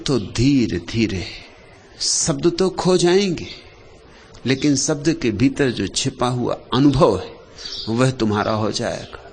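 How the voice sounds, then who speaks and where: A man giving a spiritual discourse, speaking slowly with long pauses, dropping to soft low phrases and rising to loud emphatic ones. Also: expressive, slight background noise. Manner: slow, unhurried delivery with long pauses and lists. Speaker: spiritual teacher.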